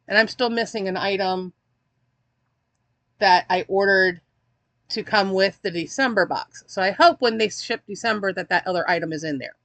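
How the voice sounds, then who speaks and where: Chatty woman with a higher voice. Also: sharp tone, dry recording. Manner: chatty and wry, reads packaging aloud with small laughs. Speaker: host reviewing a snack box. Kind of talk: casual unboxing chat.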